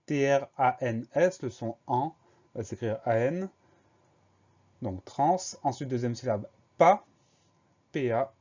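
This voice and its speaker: Male teacher, mellow tone, muffled lo-fi sound, patient letter-by-letter dictation. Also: medium pitch. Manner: slow, patient letter-by-letter spelling. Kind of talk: spelling dictation lesson. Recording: muffled, lo-fi recording.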